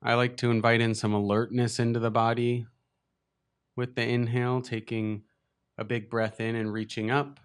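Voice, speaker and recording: Leading a guided meditation as a teacher, a man speaks in a clean, level, medium-pitched voice, gentle and unhurried, with long pauses after each short phrase.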